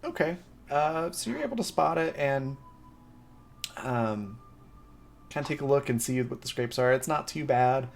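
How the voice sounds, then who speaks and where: A man runs a tabletop session from a desk mic, his voice at a middle pitch. He hesitates often with ums and laughs easily. A faint room noise sits under him. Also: expressive, a little slow, gravelly, pauses often. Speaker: game master. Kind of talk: narrating a tabletop game.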